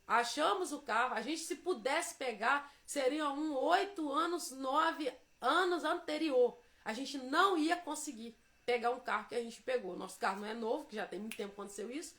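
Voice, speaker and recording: A woman's voice: high-pitched, moderate pace, a bit bright. A Brazilian woman giving a devotional testimony, telling her story emphatically and acting out the dialogue.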